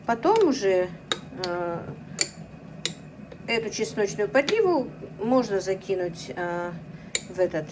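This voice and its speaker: A middle-aged cooking vlogger chats casually at home, talking to her viewers as friends and calling them that again and again. Her medium-pitched voice is very animated, slow, and full of pauses. She sits a little way off the mic in an echoey kitchen, with a faint hum underneath.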